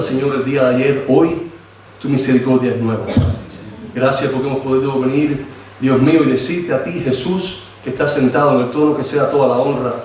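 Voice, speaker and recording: In an echoey church hall, picked up by a distant mic with slight background noise, a Cuban man in his forties preaches a sermon and prays. His voice is medium-pitched and darkish, and he is a lay preacher speaking informally and hesitantly, restarting often, with a Cuban Spanish accent.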